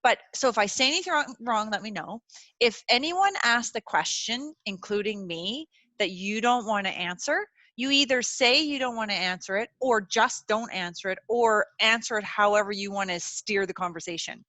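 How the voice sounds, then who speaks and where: A woman's voice: medium pitch, normal speed, bright, forceful tone, dry recording. A woman hosting a webinar over a video call, chatting casually and reassuringly, with lots of "like" and "you know". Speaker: webinar host. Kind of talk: casual chat.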